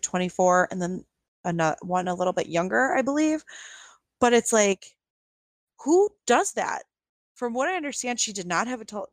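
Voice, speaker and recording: A woman's voice: mid-range voice, no room sound. A young adult woman co-hosting a podcast, telling a true-crime story casually with lots of fillers and incredulous asides. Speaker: podcast co-host.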